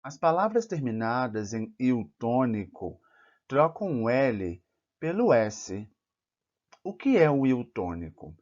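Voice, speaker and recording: A man gives a grammar lesson at an unhurried, deliberate pace. He sounds out each example word with care. The recording is a little dull and lo-fi. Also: medium pitch, sing-song, a little mellow. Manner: careful, spells out each word pair. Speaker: Portuguese teacher.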